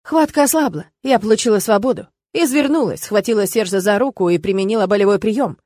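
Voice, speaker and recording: A woman telling a fantasy story in the first person, with lively, expressive delivery. Her voice is mid-pitched, and the sound is dry and close. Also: fairly quick, dry recording. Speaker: audiobook narrator.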